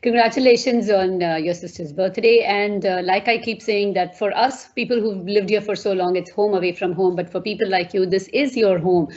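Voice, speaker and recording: A woman's voice: medium pitch, normal speed, hardly any pauses, dull audio. A woman hosting an interview over a video call, effusive and full of fillers. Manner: warm, effusive, frequent fillers. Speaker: host.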